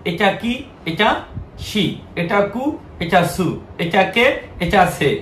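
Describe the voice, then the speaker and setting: A man's voice: high-pitched, slow pace, a bit bright, echoey room, a little hiss or hum. A man teaching a language lesson, patiently reading syllables aloud one by one in drills.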